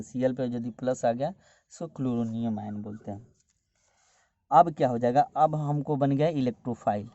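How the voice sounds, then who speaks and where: A man teaching a chemistry lesson, explaining each step slowly and repeating key terms as he goes. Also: mid-range voice, mellow, dry recording. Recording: dull, dry lo-fi recording.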